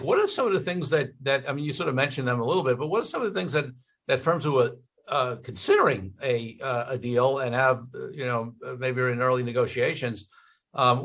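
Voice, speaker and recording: Mid-pitched man hosting a podcast. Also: fairly bright tone, husky. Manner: rambling questions with many fillers. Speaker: podcast host. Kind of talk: conversational podcast interview.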